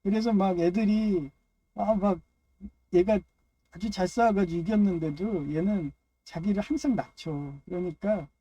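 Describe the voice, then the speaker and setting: A man's voice: high voice, unhurried, mellow, dull audio. A man giving a loose, rambling personal monologue on faith and family, dropping frequent "yes" fillers between phrases. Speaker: speaker of a personal religious talk.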